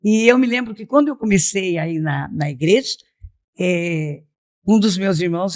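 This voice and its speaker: A middle-aged woman with a mid-range, slightly mellow voice recounts her life as a missionary while guesting on a podcast. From Piracicaba, São Paulo state, Brazil, she speaks conversationally in the interview and often says "né?" to check in.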